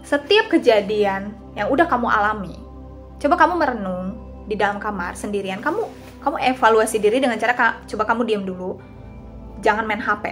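A woman's voice: medium pitch, expressive, a little fast, fairly bright tone, faint music behind. A young woman in her twenties giving casual, confiding advice straight to her viewers, like a vlogger chatting about feelings. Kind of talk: casual talking-head advice.

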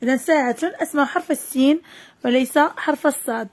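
High-voiced teacher stretching out syllables. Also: female voice. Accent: Moroccan. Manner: slow, drawn-out sounding of letters and syllables. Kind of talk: recorded lesson for young children.

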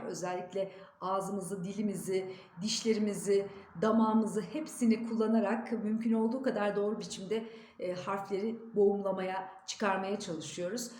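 Turkish woman teaching diction, echoey room. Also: slight background noise. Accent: Istanbul Turkish. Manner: careful, demonstrates pronunciations with sharp pitch jumps. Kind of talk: diction lesson. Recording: echoey room with faint ambience.

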